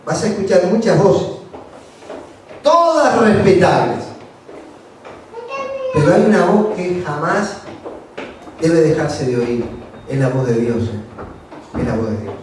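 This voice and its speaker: Preacher in an echoey hall. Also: male voice, fairly high pitch, sing-song, slow pace, pauses often, background noise. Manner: storytelling, asks the congregation questions. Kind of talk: sermon. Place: church service. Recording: echoey church hall from far off.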